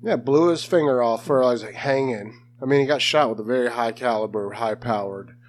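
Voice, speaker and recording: A man's voice: medium pitch, fairly quick. A man co-hosting a podcast, chatting casually, blunt and swearing freely. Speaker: podcast co-host. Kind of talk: casual chat.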